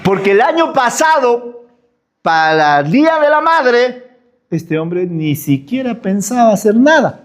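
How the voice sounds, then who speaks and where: Pastor guy preaching in church, pitch jumps all over, lots of questions to the crowd. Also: a little slow. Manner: animated preaching with rhetorical questions. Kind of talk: sermon.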